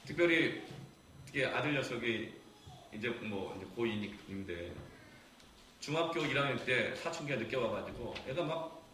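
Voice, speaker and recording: A man in his forties, a pastor giving a sermon, telling stories with feeling, going from loud to hushed. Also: medium pitch, animated, normal speed. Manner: emotional storytelling, swings from loud to hushed. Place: church sanctuary. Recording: echoey church hall, distant mic, faint noise.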